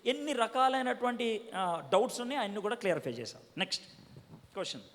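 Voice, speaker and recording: A man's voice: high voice, animated, quick pace, a bit bright. A man evangelist answering young people's questions at a conference, preaching with rhetorical questions, pressing the audience for answers, and dropping English words into his talk. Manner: mixes English words into speech. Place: conference hall. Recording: long hall reverb.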